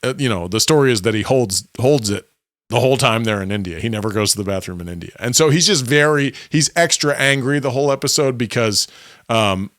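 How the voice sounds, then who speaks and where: A man's voice: mid-range voice, brisk, fairly bright tone, no room sound, studio quality. A man co-hosting a podcast, retelling sitcom plots in a rambling, enthusiastic way with many restarts. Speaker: podcast co-host. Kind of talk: casual chat.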